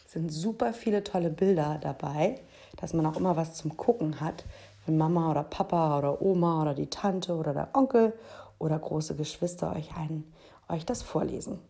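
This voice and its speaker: A teacher presenting a school book podcast for first graders and reading a children's book aloud in a clear storytelling manner. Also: female voice, deep voice. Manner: warm-hearted, slow, clear storytelling for young children.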